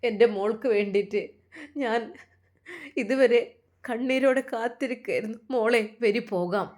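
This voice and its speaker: Woman reads a kindly older father with a Malabar Malayalam accent, calm coaxing tone, fairly high voice. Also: moderate pace, close to an everyday voice.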